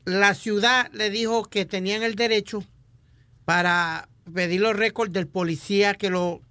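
High, bright male voice. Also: steady tone, measured pace, clean tone, no room sound. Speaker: radio show news contributor. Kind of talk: informal news discussion in Spanish with some English.

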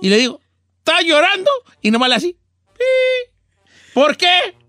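A man voicing a folksy, teasing older host with a Mexican accent and a high, thin old-man voice, joking with callers on a radio show. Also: very animated, measured pace, bright, forceful tone, full character voice. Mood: amused. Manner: teasing and playful, often breaking into laughter. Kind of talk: comic radio call-in banter.

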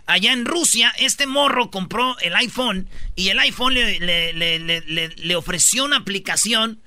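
A man's voice: high voice, a little slow, bright, forceful tone, no room sound. A man with a Mexican accent, host of a casual countdown show, telling stories with jokes and slang. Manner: joking, slangy storytelling.

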